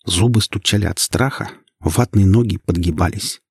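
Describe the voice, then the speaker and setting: A man narrating an audiobook in the first person, steady and measured. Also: deep voice, creaky, husky, no room sound, clean studio sound.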